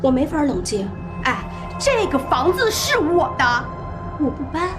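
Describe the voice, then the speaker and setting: An actress playing a volatile woman defendant in a crime drama, defiant and shouting. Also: sing-song, unhurried, music in the background. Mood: defiant shrill. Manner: shrill, defiant, shouting and sobbing. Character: volatile middle-aged woman defendant, combative.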